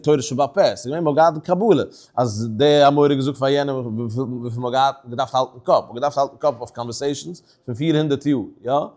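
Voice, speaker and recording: A man teaching a Talmud class, animated, posing questions and answering them himself. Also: medium pitch. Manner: animated, asks and answers his own questions. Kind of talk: Talmud lecture.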